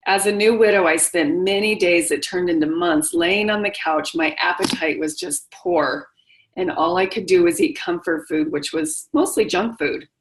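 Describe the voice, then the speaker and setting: A woman's voice: fairly low pitch, normal speed, rough recording. A middle-aged woman hosting a motivational webinar, speaking directly and encouragingly to her listeners. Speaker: webinar host and widowhood coach.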